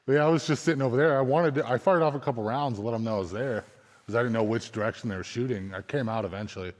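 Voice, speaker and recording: A man's voice: mid-range voice, racing. A man talking casually as an outdoor adventure vlogger. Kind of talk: casual vlog talk. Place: abandoned concrete missile site. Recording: long hall reverb, faint noise.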